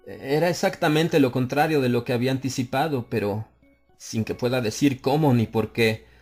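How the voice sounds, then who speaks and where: Narrating a horror story as an audiobook reader, this man speaks slowly and broodingly, almost like a confession, before rising into anguished cries. His voice sits in the mid-range with a slightly mellow quality.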